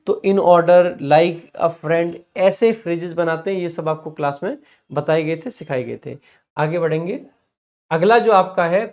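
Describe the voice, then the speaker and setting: Guy teaching a grammar revision class, a bit high voice, slow careful examples. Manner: explanatory, frequent "ठीक है" check-ins, reads example lists slowly.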